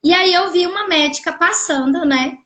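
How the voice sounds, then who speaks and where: High-voiced woman from Goiás telling a story. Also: normal speed. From Goiás, Brazil. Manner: animated, acts out quoted dialogue. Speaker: guest telling her story. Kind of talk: casual storytelling on a live stream. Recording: echoey room audio from a live stream.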